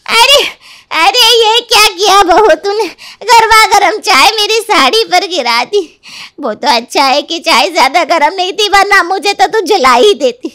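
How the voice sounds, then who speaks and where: Cartoon story: woman doing a shrill, huffy aunt-in-law, high and loud, scolds hard. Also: a little slow, vocal fry, exaggerated voice. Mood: scolding.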